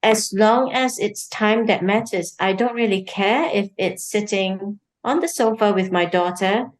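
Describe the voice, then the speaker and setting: A woman's voice: medium pitch, measured pace, low-quality recording. A cheerful, giggly middle-aged woman from Singapore, chatting as a guest in an interview. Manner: cheerful, giggly, laughs easily. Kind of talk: casual interview chat.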